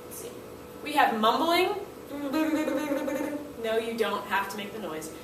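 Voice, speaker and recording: Her voice on the high side and her pace measured, a female language teacher describes classroom signals, performing student and teacher lines with animation. The distant mic catches room echo and background noise.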